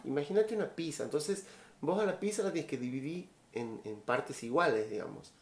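A man with an Argentine accent teaching guitar in a relaxed live online lesson, counting beats aloud and vocalizing the strums. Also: on the high side, normal speed, echoey room. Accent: Argentine Spanish. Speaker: music teacher.

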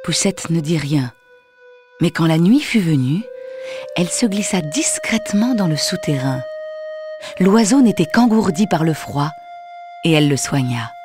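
Low-ish lively woman voice reading a kids story, music playing behind. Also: measured pace, long pauses. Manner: gentle, expressive reading. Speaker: narrator. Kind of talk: storybook narration. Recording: music under the voice. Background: soft music.

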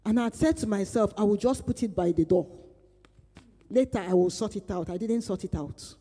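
In a reverberant church hall, a woman pastor leads a conversational Bible study with a husky, dark, mid-range voice and a brisk pace. She talks earnestly, repeats phrases to stress them, and recounts her own prayers out loud.

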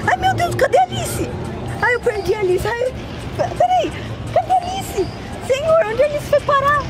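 A Brazilian woman playing a frantic young mother in a comedy sketch, with shrill, panicked exclamations in an outdoor park. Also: huge pitch swings, a little slow, far from the mic, exaggerated voice. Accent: Brazilian Portuguese. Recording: loud park crowd and music. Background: crowd noise and music.

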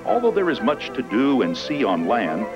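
A man giving scripted promotional narration for a cruise, with a smooth, inviting delivery. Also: mid-range voice, huge pitch swings, moderate pace, muffled recording, over music.

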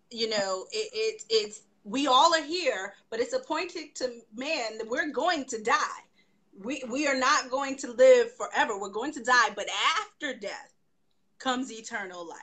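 A woman's voice: on the high side, fairly bright tone. A woman hosting a faith interview show, affirming her guest and asking long, reflective questions. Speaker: host.

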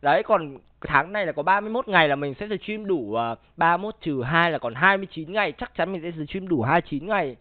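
A man's voice: fairly high pitch, lively intonation, quick pace, few pauses, no room sound, narrow, tinny audio. A male streamer in casual chat with friends, rambling, swearing and pleading with his viewers. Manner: rambling, profane, pleading with the audience.

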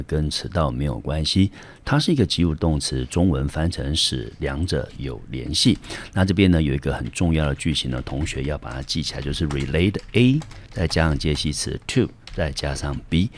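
A man's voice: rumbling low, a little mellow. A man teaching English vocabulary in Mandarin with a Taiwanese accent, explaining step by step with many fillers. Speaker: high school English teacher. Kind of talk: vocabulary lesson.

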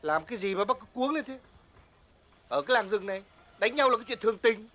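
An actor playing a pompous, lazy middle-aged village security chief who barks orders in a film drama. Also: male voice, sits high, animated, fast, a bit bright. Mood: bossy. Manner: bossy, barking orders. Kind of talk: Vietnamese film drama acting.

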